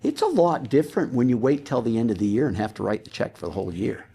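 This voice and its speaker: Husky, gravelly man hosting an interview. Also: mid-range voice, sing-song, dark tone. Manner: halting, restarts questions. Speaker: interview host. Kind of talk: conversational interviewing.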